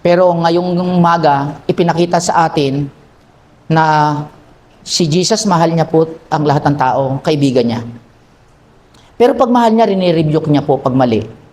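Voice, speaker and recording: A male pastor with a notably high voice, preaching in a church. He tells the story with lively emphasis and quick changes of tone, then settles into a calmer, earnest appeal. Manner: animated storytelling, acts out characters. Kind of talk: sermon.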